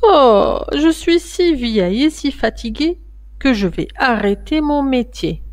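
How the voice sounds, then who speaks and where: Storybook ogress, old and scheming, sweet-talking then menacing, slow and swooping, voiced by a woman reader. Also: high voice, animated, dry recording, voice pushed up. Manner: wheedling then menacing, drawn-out words.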